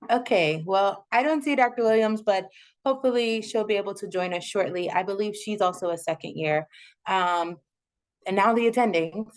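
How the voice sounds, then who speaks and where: A woman's voice: mid-range voice, normal speed. A woman resident from Houston hosting a casual panel over a video call, chatty and full of ums. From Houston, Texas. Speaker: panel moderator, second-year resident.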